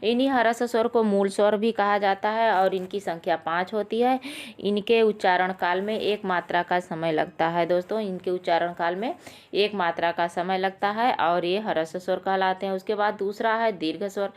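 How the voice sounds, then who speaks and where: A woman's voice: medium pitch, fairly even intonation, moderate pace. A woman teaching a Sanskrit exam lesson, patiently explaining and repeating key points while addressing viewers as friends.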